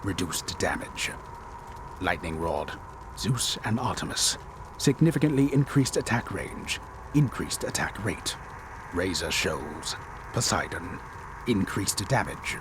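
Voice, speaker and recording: A man's voice: deep voice, lively intonation, a little slow, background noise. A man giving a hammy, theatrical stage-actor reading of game patch notes.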